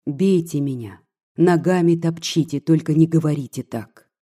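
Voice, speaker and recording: Man reading an anguished bitter woman begging, husky dark tone, raw pleading. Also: a little high, normal speed, natural voice. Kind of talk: audiobook reading.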